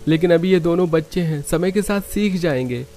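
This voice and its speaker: A man voicing a mellow, poor village father. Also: on the high side, fairly quick, natural voice. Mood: resigned.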